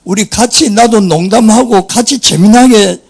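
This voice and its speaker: A gravelly, fairly high-pitched older man delivers a sermon in a thick Gyeongsang Korean accent. He is a pastor who preaches in a folksy, joking storytelling manner and often chuckles between his points. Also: moderate pace.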